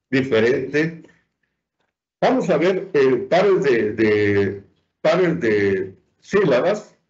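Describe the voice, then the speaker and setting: A man's voice: mid-range voice, darkish tone. A male teacher giving a virtual lecture on spelling rules, asking and answering his own questions and drawing out the example words. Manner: drawn-out emphasis on example words. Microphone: computer mic on a video call. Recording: dull lo-fi online lecture audio.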